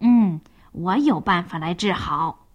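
A woman's voice: fairly low pitch, slow, dull audio, voice pushed down. A woman voicing a bumbling, dizzy male bear doctor in a children's story. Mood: bossy.

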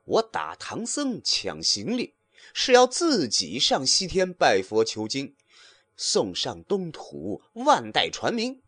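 A man's voice: medium pitch, huge pitch swings, slow, a bit bright, breathy edge, exaggerated voice. A man voicing a brash, cheeky male monkey king who talks boastfully and defiantly. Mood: gloating.

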